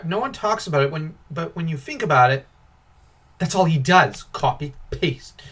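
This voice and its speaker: A young man co-hosting a casual podcast, reading film reviews aloud and mocking them with sarcasm and frequent laughter. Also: on the high side. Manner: sarcastic, laughs often, animated ranting. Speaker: podcast co-host.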